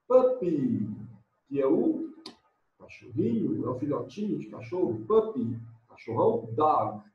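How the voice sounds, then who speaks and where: A man's voice: a little high, darkish tone, reverberant, far from the mic, dull audio. A man with a Brazilian Portuguese accent, teaching English words to young children in a recorded home lesson and spelling them out letter by letter.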